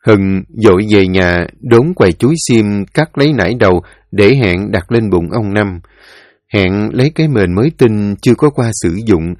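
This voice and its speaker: A man reading a story in a solemn, expressive way. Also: fairly low pitch, dry recording, studio quality. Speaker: narrator. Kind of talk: scripted story narration.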